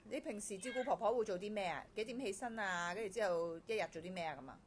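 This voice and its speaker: A woman interviewing a job candidate in a brisk conversational way, repeating and rephrasing her questions. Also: medium pitch, a little hiss or hum. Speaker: interviewer screening a domestic helper.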